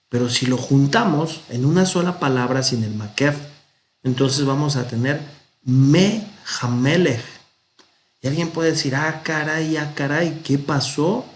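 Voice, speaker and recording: Slow, patient Mexican man teaching. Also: medium pitch, a little hiss or hum. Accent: Mexican Spanish. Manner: patient, explains step by step, pronounces examples slowly. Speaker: Hebrew teacher. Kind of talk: unhurried grammar lesson.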